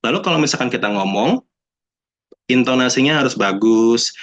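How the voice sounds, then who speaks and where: A man's voice: mid-range voice, animated, moderate pace, fairly bright tone. A young man giving a chatty talk to students, mixing in English phrases and acting out quoted people. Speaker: alumnus speaker. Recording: dull lo-fi sound.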